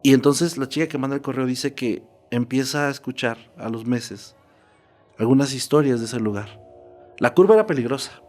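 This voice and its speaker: A man's voice: mid-range voice, normal speed, darkish tone, soft background music. A man narrating a true horror story in a casual, conversational podcast style. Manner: conversational, checks in with "¿no?".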